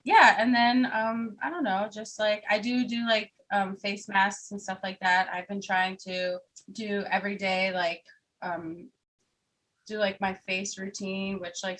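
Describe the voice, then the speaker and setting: A woman's voice: mid-range voice, fairly bright tone, poor audio. A young woman, chatting casually as an interview guest, laughing often and full of fillers. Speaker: singer and keyboard player, guest.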